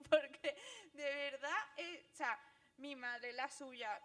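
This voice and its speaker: A young woman with an Andalusian accent, giving a fast, animated talk with lots of laughter at a book presentation. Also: high voice. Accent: Andalusian Spanish. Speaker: guest speaker, graphic novelist.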